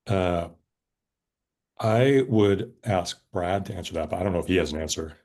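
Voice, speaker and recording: Committee lead: low, very deep-voiced man, orderly, explains step by step in a meeting room. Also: moderate pace, a little mellow. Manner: orderly, walks through schedules and bids step by step.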